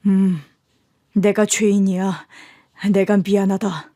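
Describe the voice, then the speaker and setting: A composed company chief speaks slowly and with quiet authority, voiced by a woman. He turns soft and regretful toward the daughter he left. The sound is close and dry. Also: medium pitch, level tone, dry recording, close to an everyday voice. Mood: remorseful. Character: calm powerful man, long-absent father, company head.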